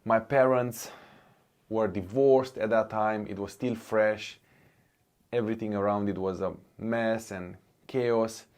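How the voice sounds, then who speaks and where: A man from Romania with a Romanian accent, in his thirties, telling his personal faith story in a slow, earnest way with many pauses. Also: fairly low pitch, fairly even intonation, darkish tone, clean tone. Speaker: faith vlogger. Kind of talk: personal testimony.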